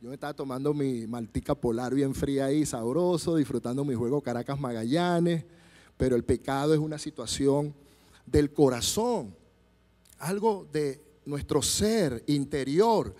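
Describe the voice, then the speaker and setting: A man's voice: mid-range voice, normal speed. A man in his forties with a Venezuelan Spanish accent, preaching a sermon on a church stage into a handheld mic, telling stories and acting out the dialogue. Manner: animated storyteller acting out dialogue, gesturing freely. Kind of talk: sermon with told anecdotes. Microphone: handheld microphone. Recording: long church hall reverb.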